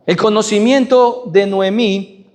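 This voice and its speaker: A man preaching a sermon who asks his congregation rhetorical questions and swings from loud high peaks to soft low endings. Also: steady tone, slow. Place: church sanctuary. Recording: long reverb of a church hall.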